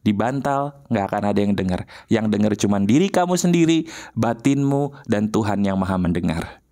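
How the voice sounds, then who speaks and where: A man coaches listeners through an exercise in a motivational talk. His voice swings lively up and down as he coaxes them and keeps asking whether they are ready. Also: fairly low pitch, normal speed. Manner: coaxing, repeatedly checks the listener is ready. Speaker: motivational speaker.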